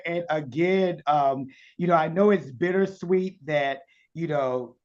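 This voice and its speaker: A man's voice: fairly high pitch, dull audio. A man with a Southern accent hosting a virtual interview, chatty and effusive, heard over a video call. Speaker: interview host.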